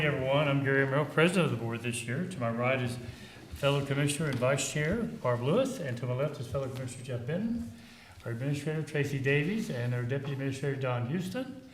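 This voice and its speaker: A man chairing a county board meeting, opening the session and calling motions in a brisk, businesslike way. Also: mid-range voice, echoey room, a little hiss or hum, low-quality recording. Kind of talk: formal meeting procedure. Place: public meeting room.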